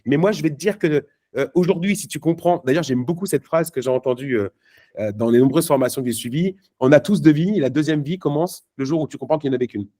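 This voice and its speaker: A man with a slightly high, mellow voice talks fast during a live motivational speech at a network marketing event. Emphatic and punchy, he addresses the audience casually, using slang and plenty of fillers and restarts.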